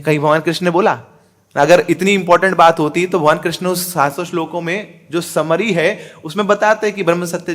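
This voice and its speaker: Emphatic high-voiced male preacher. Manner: emphatic, asks rhetorical questions, chants Sanskrit verses; mixes in English words. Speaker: spiritual teacher. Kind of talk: Hindi religious discourse.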